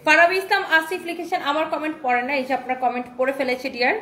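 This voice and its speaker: A Bangladeshi woman selling sarees online hosts a live stream, reading viewers' comments aloud in an eager, chatty patter. Her voice is high and sharp, and she talks in rapid-fire bursts. The recording has a roomy echo.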